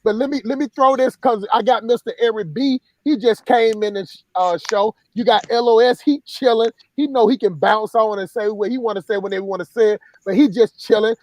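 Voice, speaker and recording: A man's voice: high voice, fairly quick, few pauses. A man hosting a casual live stream, rambling with many restarts. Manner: rambling, many restarts and "you know what I'm saying".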